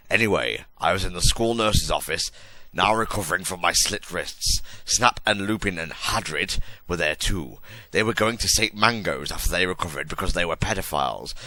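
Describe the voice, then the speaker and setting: A man's voice: sits low, sharp tone, dry recording, low-quality recording. A man giving a comic dramatic reading of a story in a hammy, theatrical stage-actor manner with exaggerated emphasis. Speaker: reader of a fan fiction story.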